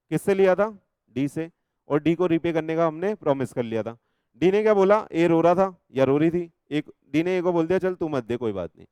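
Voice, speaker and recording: Indian male teacher, smooth voice. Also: sits high, no echo. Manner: reads text slowly, then explains in lively chatty asides; teasing, scolding students with repeated checks. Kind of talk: classroom law lecture.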